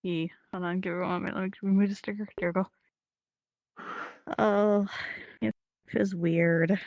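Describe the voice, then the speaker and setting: A woman's voice: fairly low pitch, fairly even intonation, moderate pace, a little mellow, dry recording. A woman chatting casually during a roleplay game, rambling with lots of fillers and restarts. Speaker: roleplay streamer.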